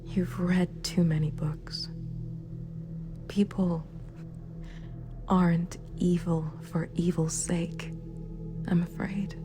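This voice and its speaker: A female actor plays a remorseful, sympathetic villain ruler who was once a hero in a scripted ASMR roleplay monologue. Her lowish voice is a hushed, breathy half-whisper, very even, unhurried, measured and formal, sounding cold, sorrowful, regretful and dignified. Clear, dark, spooky music plays in the background.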